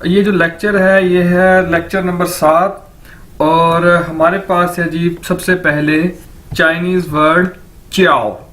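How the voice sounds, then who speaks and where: A man teaching a recorded lecture, saying each word slowly and over and over for learners. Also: sits high, level tone, fairly bright tone. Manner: repeats words slowly for learners. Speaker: language teacher.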